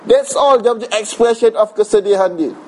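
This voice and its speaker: Man, Malaysian accent, high voice, religious teacher, casual lecture, tag questions. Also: normal speed, poor audio. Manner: conversational, mixes English words, frequent "kan?" tag questions.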